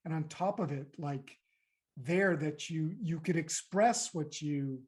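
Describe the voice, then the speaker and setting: A man's voice: a little high, slow. A man in his fifties from the United States, a podcast guest and life coach, telling his story in a reflective, rambling way with many fillers. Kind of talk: conversational interview.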